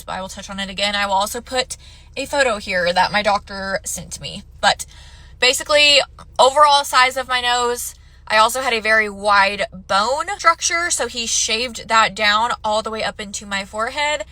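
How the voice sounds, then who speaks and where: Bright, stuffy-nosed woman vlogging. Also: mid-range voice, dry recording, low-quality recording. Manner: candid, chatty, talks straight to viewers. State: stuffy, congested nose. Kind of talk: casual chat to camera.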